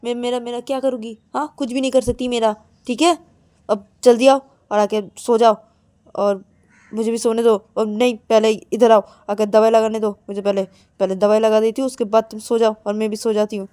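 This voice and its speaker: A woman's voice: fairly high pitch, level tone, a little fast, warm tone, clear, resonant tone, dry recording, lightly acted. A woman storyteller voicing a young woman who teases and scolds her partner, in a close, dry recording. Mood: teasing. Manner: teasing, scolding, then coaxing. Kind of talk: storyteller acting out dialogue.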